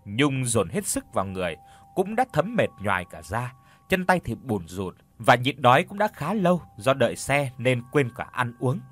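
Guy telling a spooky story, pitch jumps all over, dramatic. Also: very animated, normal speed, a bit bright, faint music behind. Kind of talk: scripted horror narration.

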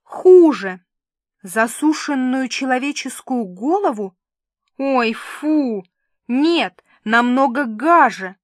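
Woman reader doing a whiny, theatrical friend, high voice, dry close sound. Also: animated, slow pace, dry recording. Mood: excited. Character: excitable scatterbrained woman friend.

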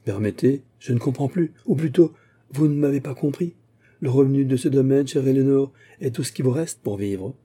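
Male reader as a fatherly old scholar, gentle but flustered, dark husky voice, sometimes rising. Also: mid-range voice, moderate pace, pitched above the performer's own voice, natural voice. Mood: earnest. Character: kindly elderly male scholar and guardian.

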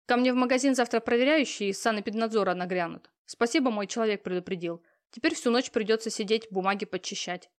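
A woman's voice: a little high, fast talker, few pauses, natural voice. A woman reading an audiobook, voicing a busy middle-aged mother who is curt and businesslike on the phone. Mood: pushy.

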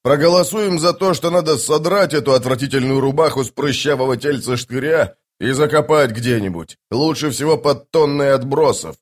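A man voicing a loud, crude male sapper in an audiobook, drawling and rowdy. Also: medium pitch, normal speed, few pauses, natural voice. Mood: mocking.

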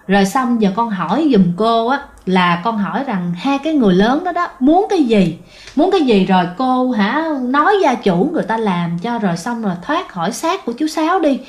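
A woman voicing an older female spirit healer who scolds and then gently coaxes a ghost. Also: on the high side, big pitch swings, brisk. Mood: coaxing.

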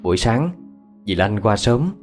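Low expressive male ghost-story narrator. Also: unhurried, soft background music. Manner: dramatic, expressive.

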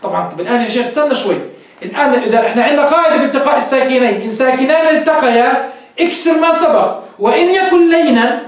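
High-voiced sheikh teaching grammar. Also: male voice, lively intonation, very fast. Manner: explains step by step, asks the class questions and answers them. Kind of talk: classroom grammar lesson. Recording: very echoey room, mic far off.

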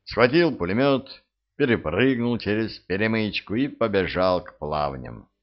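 A man reading a war story aloud as an audiobook narrator, dramatic and expressive. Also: lowish voice, a little slow, lo-fi sound.

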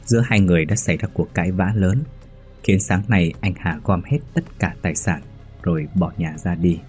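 A man calmly narrating a read-aloud ghost story in a steady storytelling manner. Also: low-pitched, moderate pace. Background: faint music.

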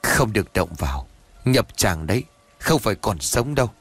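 A man voicing an old Buddhist monk who gives stern, measured warnings. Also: on the low side, sing-song, a bit bright, husky, no room sound, exaggerated voice. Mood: grave.

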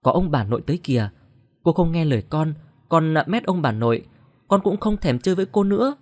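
A man's voice: on the high side, expressive, brisk, no room sound, natural voice. A man voicing a young village boy who coaxes and argues with a ghost. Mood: coaxing.

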